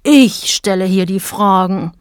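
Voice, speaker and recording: A woman's voice: medium pitch, unhurried, smooth, dry recording, studio quality, close to an everyday voice. A woman doing a pompous, snarling fat button boss. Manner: snarling, self-important. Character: fat male uniform button, pompous self-styled boss.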